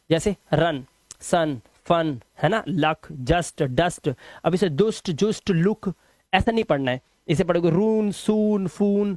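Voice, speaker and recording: A man with a Hindi accent teaching English pronunciation rules in a classroom lesson, reassuring his students and drawing out example words slowly. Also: high-pitched, darkish tone, no echo, studio quality.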